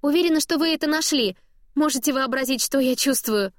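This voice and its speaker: A woman's voice: high voice, fairly quick, no echo, clean studio sound, voice pushed up, close to an everyday voice. A woman voicing a cheerful, flustered mother of triplets calling on the phone, bubbly and breathless. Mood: cheery, embarrassed.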